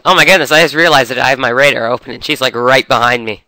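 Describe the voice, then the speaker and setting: A young man with a cold, chatting excitedly through a game session. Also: mid-range voice, quick pace, no echo. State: has a cold. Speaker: gamer. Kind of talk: casual game commentary.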